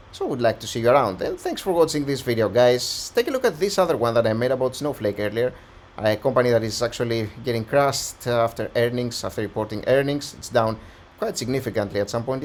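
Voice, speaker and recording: A man who is slightly hoarse, host of a stock analysis channel, talking through a valuation in a conversational, think-aloud way. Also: medium pitch, a little hiss or hum. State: slightly hoarse, losing his voice. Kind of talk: casual stock analysis walkthrough.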